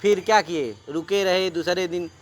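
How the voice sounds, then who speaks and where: In a high voice at a moderate pace, a man lectures his class on Sanskrit. He blends recitation of texts with Hindi explanation, constantly quizzing the students through repeated questions.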